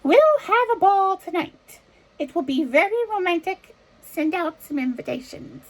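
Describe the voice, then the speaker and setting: A woman's voice: very high-pitched, big pitch swings, unhurried, pitched above the performer's own voice, exaggerated voice, low-quality recording. A woman voicing an impatient, blustering king who speaks emphatically in a children's fairy tale read-aloud. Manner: emphatic, shouting.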